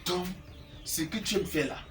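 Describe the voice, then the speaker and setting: An actor playing a lecherous, manipulative middle-aged uncle, insistent and wheedling. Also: male voice, sits high, moderate pace, lightly acted. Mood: coaxing. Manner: insistent, wheedling, keeps tagging "hein?". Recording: distant mic with background music.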